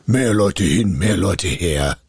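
A man's voice: lively intonation, takes it slowly, slightly rough, no echo, studio quality, heavily acted. Man doing Mercurius, a boastful bottle spirit. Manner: booming threats, whining pleas. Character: huge boastful male bottle spirit, menacing yet wheedling.

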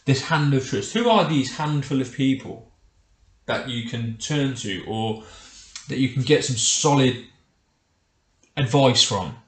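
A middle-aged man hosts a solo podcast in a casual, conversational way. His voice sits at an ordinary male pitch and rings with the roomy echo of a home kitchen. He addresses the listener directly, as if chatting one to one. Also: expressive, measured pace, long pauses, fairly bright tone. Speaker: podcast host. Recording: echoey, roomy kitchen sound.

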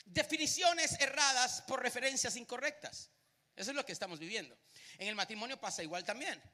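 A preacher man with a high, bright voice delivers an animated sermon. He keeps turning to the congregation with questions. The sound carries the long reverb of a large hall. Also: brisk. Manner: animated, asks the crowd questions.

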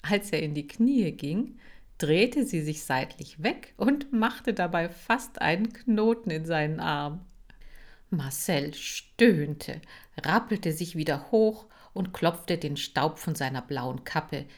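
A woman narrating a children's audiobook. Her voice sits a little low, and she reads slowly with lively, expressive melody. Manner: expressive storytelling. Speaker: audiobook reader.

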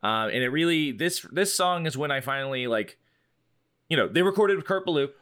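A man's voice: fairly high pitch, animated, brisk, fairly bright tone. Easygoing male co-host who curses and laughs his way through an album review. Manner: loose and laughing, swears, many fillers. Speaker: podcast co-host. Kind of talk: casual chat reviewing an album.

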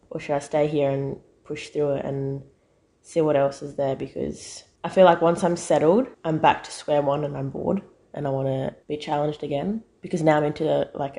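A woman's voice: deep voice, mellow. A young Australian woman, a guest in an interview, talking earnestly and encouragingly about her own experience. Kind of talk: casual interview chat.

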